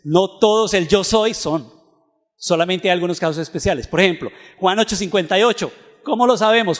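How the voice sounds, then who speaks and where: Male seminar lecturer, fairly high pitch, reads verses slowly and questions listeners; recorded with a long hall reverb. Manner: asks the audience frequent questions; reads scripture aloud, slowing on verses. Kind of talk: Bible teaching lecture.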